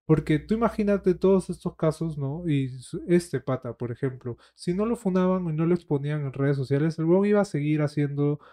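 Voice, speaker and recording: A man chatting as a podcast co-host, his voice pitched a little high but mellow and warm. He talks bluntly, full of slang, and likes to mock. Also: fairly quick, hardly any pauses. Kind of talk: casual chat.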